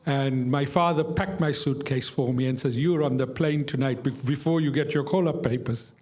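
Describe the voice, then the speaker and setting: An older Zimbabwean man with a mid-range, somewhat dark voice looks back on his years as a local councillor and activist, speaking to an audience at a moderate pace. His reminiscence is impassioned, emphatic and plain-spoken, and he repeats phrases for effect.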